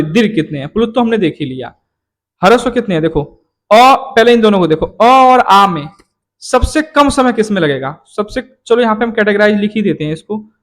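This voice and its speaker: A man teaching a classroom lesson who asks questions and answers them himself, dropping lower on each answer. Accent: Hindi, from eastern Uttar Pradesh.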